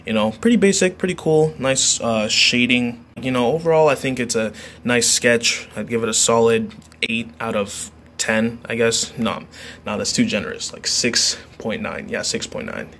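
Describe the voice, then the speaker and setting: A teenage guy talks through his vlog in a loose, rambling way, cracking jokes and catching and correcting himself mid-thought. His voice sits at an ordinary middle pitch. A faint hum of room noise hangs behind him. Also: moderate pace, a bit bright. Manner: jokey, rambling, self-correcting. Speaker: vlogger. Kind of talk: casual vlog commentary.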